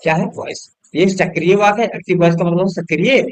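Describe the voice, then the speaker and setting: A man's voice: high-pitched, brisk, no room sound, poor audio. A man teaching an English grammar lesson in a classroom style. He asks his students questions and answers them himself, and he spells words out letter by letter.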